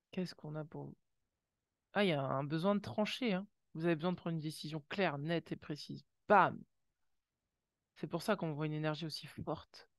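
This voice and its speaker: A woman with a low voice gives an intuitive oracle card reading, recorded with no echo. She talks straight to viewers in a warm second person, exclaiming often with gasped "wow"s and little sound effects.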